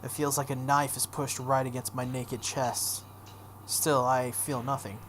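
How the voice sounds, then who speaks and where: A woman with a very deep voice hosts a video game playthrough, reading a visual novel aloud expressively and tossing in offhand, casual asides. Her delivery is flat and unhurried, and there's some background noise in the recording.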